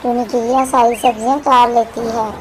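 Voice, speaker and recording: A woman tells a children's cartoon story in a plain storybook manner, her voice high. A noisy hiss runs under it. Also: little pitch movement, a little mellow. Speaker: narrator. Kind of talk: storybook narration.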